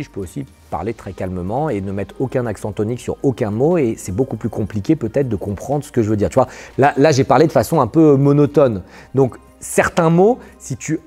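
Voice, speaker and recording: A male self-defense instructor gives a video lesson straight to the viewer, his voice sitting slightly high. He leans on key words and keeps checking that the listener follows. Faint music plays quietly underneath. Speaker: krav maga instructor. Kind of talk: direct-address video lesson.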